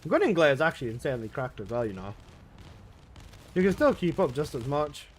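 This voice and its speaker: A young man banters with his live chat while he plays. His slangy, laid-back talk sits in a slightly higher register, and he is recorded from his room at home. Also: big pitch swings, a little fast, slight background noise. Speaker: gaming livestreamer. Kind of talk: casual live-stream chat.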